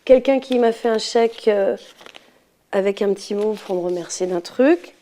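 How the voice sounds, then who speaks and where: A woman's voice: medium pitch, moderate pace, mellow. A woman schoolteacher going through her handbag, amused and laughing at herself. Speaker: schoolteacher being interviewed. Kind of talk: casual talk while emptying her handbag.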